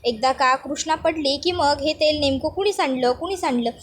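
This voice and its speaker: A woman narrating a TV serial recap in a brisk, conversational storytelling manner. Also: sits high, a little hiss or hum. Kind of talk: casual narration of a serial episode.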